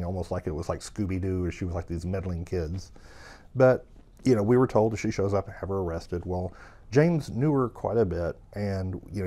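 A man who runs an estate sale business, telling a long anecdote in a casual, animated way with plenty of fillers. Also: sits low. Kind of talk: casual storytelling.

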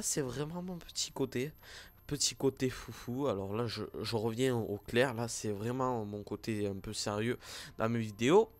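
A man with a regional accent, a gaming YouTuber, talking casually to his viewers with many fillers and restarts. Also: mid-range voice. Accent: French-speaking regional accent. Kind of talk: casual vlog talk to viewers.

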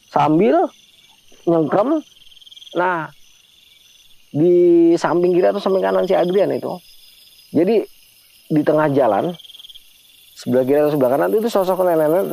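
A man's voice: high-pitched, vocal fry, mellow. A man telling a hiking horror story in casual slang, often turning to address his listener by name. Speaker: storyteller guest.

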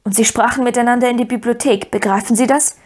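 A woman's voice: on the high side, steady tone, quick pace, lightly acted. Woman voicing an eager, earnest young boy. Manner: urgent, breathless, pleading. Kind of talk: audiobook character voice.

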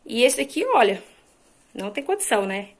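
A chatty woman in her thirties from Brazil, talking through a clothing haul in a fairly high voice. She sounds lively and friendly, recorded on a camera close by in a small bright room at home. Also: brisk. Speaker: fashion vlogger. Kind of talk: casual shopping haul chat. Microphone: camera at a short distance, then phone held at a mirror.

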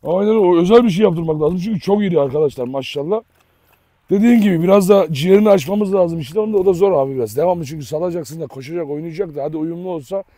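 A man's voice: a little high, rapid-fire, mellow, no room sound. A man hosting a casual outdoor dog vlog, coaxing his dogs and talking to viewers by turns. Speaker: dog owner and channel host.

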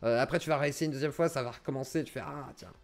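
A man's voice: mid-range voice, racing, faint music behind. A man hosting a livestream, talking casually and animatedly, often acting out little scenes. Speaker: livestream host. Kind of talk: casual livestream debate talk.

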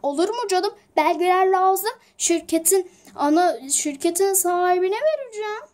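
A demanding company boss, voiced by a woman, in a homemade toy drama. The voice is very high-pitched. The boss talks in a bossy, insistent way. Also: expressive, normal speed, darkish tone. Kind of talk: toy-figure home drama.

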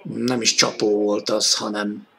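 Excited guy doing live football commentary, gravelly bright voice, old 80s tv broadcast sound. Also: lowish voice. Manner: excited, rising to shouts at key moments. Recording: old 1980s TV sports broadcast audio.

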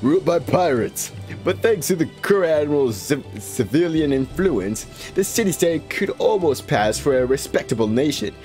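A man voicing a gruff, rough-talking male sailor who drawls coarse slang while reading game dialogue aloud. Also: fairly high pitch, animated, normal speed, a little mellow, faint music behind, close to an everyday voice. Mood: wry.

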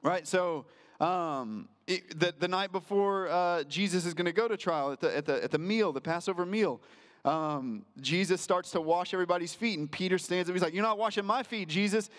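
A man's voice: high-pitched, moderate pace, in a large hall. A man preaching as a pastor in a casual, conversational way, full of fillers and restarts. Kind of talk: sermon.

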